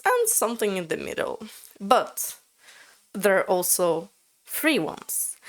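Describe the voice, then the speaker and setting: This vlogger from Latvia, a native Latvian speaker, has a slow, expressive way of talking with abrupt upward leaps in pitch. Her tone is candid as she chats and narrates casually.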